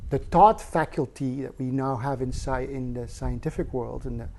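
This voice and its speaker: Gravelly-voiced man giving a spiritual talk. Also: mid-range voice, fairly even intonation, moderate pace, darkish tone, slight background noise. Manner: earnest, reflective, casual asides and rhetorical questions. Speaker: spiritual teacher. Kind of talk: satsang talk.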